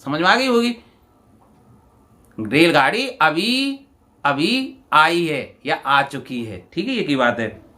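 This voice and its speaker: Man, teacher, grammar lesson, bright high voice, unhurried, rhetorical questions, example sentences read slowly and deliberately. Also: sing-song. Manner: explains step by step with many rhetorical questions; addresses students as "bhai". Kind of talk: exam-paper grammar lesson. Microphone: voice-over while writing on a tablet.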